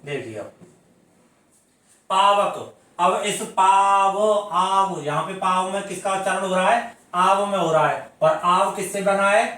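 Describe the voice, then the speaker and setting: A man's voice: high voice, pushed and bright, recorded from a distance. A man teaching a grammar lesson, explaining step by step and answering his own questions. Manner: drawn-out syllable-by-syllable pronunciation of example words. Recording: very echoey room, voice from away from the mic.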